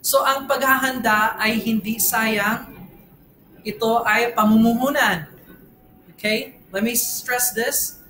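A man's voice: very high voice, steady tone, takes it slowly, pushed and bright, slight background noise. A man in his thirties with a Filipino accent, giving a teaching sermon at a pulpit, switching between languages, repeating key phrases and asking questions. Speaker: pastor. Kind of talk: bilingual church teaching sermon. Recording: echoey room.

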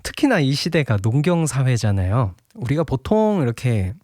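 A man's voice: medium pitch, big pitch swings, moderate pace, dark tone, dry recording, clean studio sound. A young man giving a casual devotional Bible talk, chatty and laughing often, at times acting out a scolding father.

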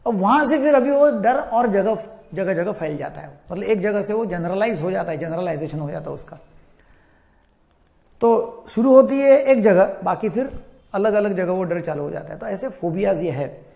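A man's voice: high-pitched, lively intonation, normal speed, gravelly, mellow. A man in his fifties from India, a psychiatrist giving a plain, instructive talk that repeats phrases for emphasis. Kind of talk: explanatory health talk to camera.

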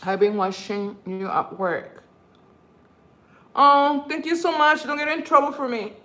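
A woman's voice: high voice, takes it slowly, pushed and bright. A middle-aged woman, hosting her cooking channel's livestream in a casual, chatty way, laughing often and slipping into English phrases.

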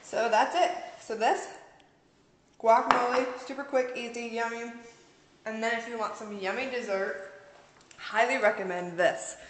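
A woman's voice: a little high, steady tone, a little slow. A woman in her thirties hosting a casual home cooking video, chatty and giggly, filmed on a camera mic in a large home kitchen. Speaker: cooking vlog host. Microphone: camera mic across the room. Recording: echoey kitchen with hiss.

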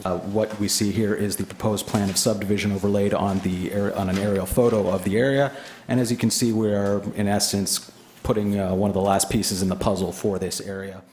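A man's voice: fairly low pitch, little pitch movement, fairly quick, darkish tone. A man giving a formal, somewhat hesitant presentation to a town council in a council chamber. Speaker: speaker addressing a town council. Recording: archive council meeting, roomy, faint noise.

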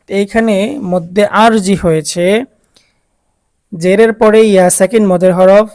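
A Quran reading teacher with a Bangladeshi Bengali accent gives a recorded lesson, explaining rules slowly and patiently, repeating key points and asking the learners questions. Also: medium pitch, fairly even intonation, a little mellow.

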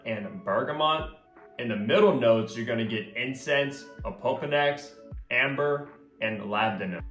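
A man's voice: on the low side, fairly bright tone. A man casually reviewing a fragrance with enthusiasm, often stressing words by repeating "very, very". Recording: echoey room with faint guitar music. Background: faint guitar music.

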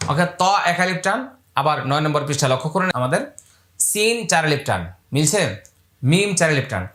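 Bright-voiced man teaching recitation, echoey room. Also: very animated. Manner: explains slowly, counts beats aloud, then chants letters drawn out high. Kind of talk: step-by-step recitation lesson.

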